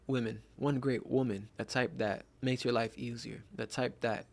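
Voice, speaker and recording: A young man in his twenties speaks at a middle pitch in a relaxed, conversational way. He shares motivational advice earnestly and sprinkles in casual fillers as he talks. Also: normal speed. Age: 20s. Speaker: self-improvement content creator.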